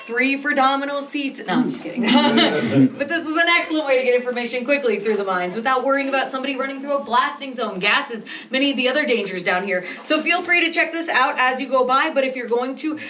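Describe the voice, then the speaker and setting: A woman's voice: high voice, quick pace, pushed and bright. A woman working as a tour guide, explaining things in a chatty, joking way as she leads a group through an underground mine, picked up by a visitor's camera at changing distances. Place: underground coal mine tunnel.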